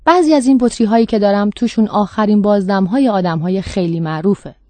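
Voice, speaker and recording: A woman voicing a creepy, courteous older male doctor who collects last breaths, speaking smoothly and calmly in a storybook reading. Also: mid-range voice, no echo, natural voice. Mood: polite, eerie.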